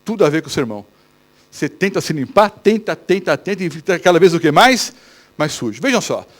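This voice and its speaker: Male Brazilian pastor, animated sermon, higher voice that swoops a lot, keeps quizzing the congregation. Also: fairly quick. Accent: Brazilian Portuguese. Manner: animated, asks the congregation rhetorical questions. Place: church.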